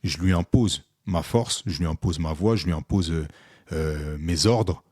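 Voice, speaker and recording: A man with a fairly low voice tells an animated story in casual chat, slipping in and out of dialogue with plenty of "euh"s. His voice sits close and dry, with no room sound around it. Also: a little slow, slightly rough, dry recording. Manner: animated, re-enacts dialogue with many fillers. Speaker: podcast co-host, photographer.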